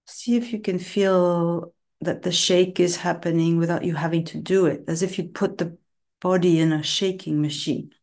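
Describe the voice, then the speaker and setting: Guiding listeners through breathing and body relaxation, this woman keeps a fairly low pitch and fairly even intonation. Her short, slow phrases are soothing and separated by long pauses, at times softened to a whisper.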